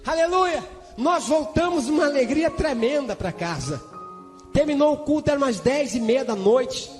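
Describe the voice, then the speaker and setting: High-voiced Brazilian preacher in a reverberant church. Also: male voice, very animated, normal speed, darkish tone, faint music behind. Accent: Brazilian Portuguese. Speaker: preacher giving a testimony. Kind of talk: church testimony.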